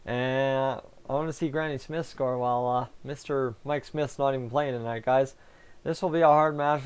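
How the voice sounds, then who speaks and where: Hosting a live hockey fan reaction stream, a man chats casually and answers viewers while speaking around a sore, raw tongue. His voice is on the high side, clear and resonant.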